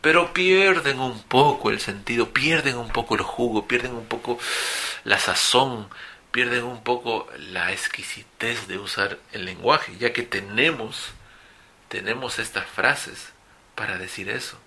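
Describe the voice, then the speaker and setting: A man's voice: medium pitch, measured pace, pushed and bright. A man teaching an English grammar lesson, explaining and repeating example phrases.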